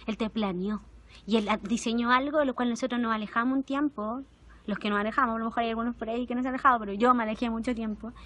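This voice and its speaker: A slight background noise accompanies a young adult woman preaching in a Chilean Spanish accent. Her voice is on the high side, and her intimate testimonial sermon moves from soft to animated and back.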